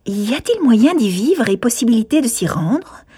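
A woman's voice: a little high, big pitch swings, moderate pace, dark tone, slightly rough, voice pushed up, heavily acted. Woman voicing a curt, commanding young lady. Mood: imperious. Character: proud, determined young Scottish lady.

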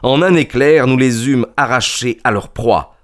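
A man narrating a classic detective story as an audiobook, in a measured, steady way. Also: mid-range voice. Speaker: audiobook reader.

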